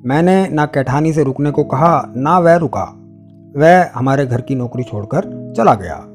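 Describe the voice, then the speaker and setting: A man's voice: a little high, lively intonation, measured pace. Man narrating a story over guitar. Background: faint guitar music.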